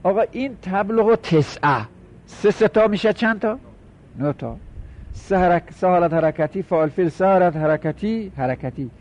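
A man teaching a class on Arabic word patterns, explaining step by step, repeating terms and asking students quick questions. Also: sits high, animated, a little mellow. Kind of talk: classroom lecture, explaining and counting forms. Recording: muffled lo-fi recording.

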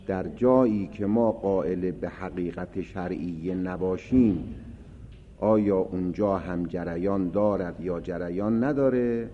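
Low-voiced man giving a seminary lecture. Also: dark tone. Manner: reads Arabic text aloud, then explains it in Persian; raises voice for emphasis while explaining. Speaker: seminary teacher. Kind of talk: seminary lecture on Islamic legal theory. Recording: dull lo-fi recording with faint hiss.

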